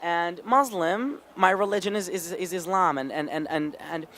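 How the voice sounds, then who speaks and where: A man's voice: high voice, moderate pace, fairly bright tone, a little hiss or hum. A man from Israel giving interview answers, eager and stumbling over repeated restarts.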